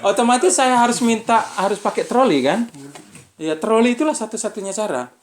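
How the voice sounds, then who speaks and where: A man's voice: high voice, lively intonation, a little fast. Chatty Indonesian preacher man. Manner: conversational, keeps asking "ya kan?". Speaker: visiting preacher. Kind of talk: religious study talk to students.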